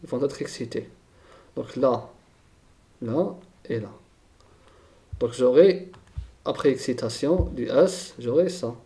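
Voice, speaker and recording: A man's voice: mid-range voice, slow, long pauses, mellow. A man teaching a chemistry lesson, thinking aloud and repeating key terms, often checking with "d'accord?".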